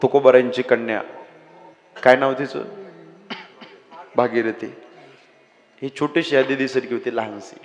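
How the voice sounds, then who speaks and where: A man's voice: medium pitch, fairly even intonation, unhurried, long pauses, big-room sound, highs cut off. A man from Maharashtra preaching a devotional kirtan, telling a story with sing-song chanted lines and emphatic calls to the villagers. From Maharashtra, India.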